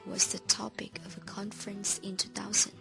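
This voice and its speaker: Creaky woman narrating over music. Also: mid-range voice, little pitch movement. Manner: measured, reading a script. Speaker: reporter narrator. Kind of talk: scripted narration. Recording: voice-over with loud background music.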